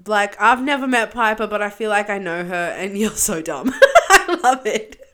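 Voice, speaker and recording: A woman's voice: medium pitch, animated, moderate pace, bright, forceful tone. A young Australian woman co-hosting a podcast, chatty and teasing, with many fillers. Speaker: podcast co-host. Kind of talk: casual chat.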